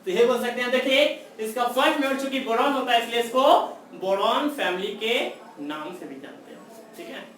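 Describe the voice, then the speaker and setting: A man teaching chemistry in a classroom lecture, slowly repeating memory tricks and checking in with his students. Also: extremely high pitch, fairly bright tone. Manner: repeats mnemonics slowly, checks in with "theek hai". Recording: far-off echoey room with faint noise.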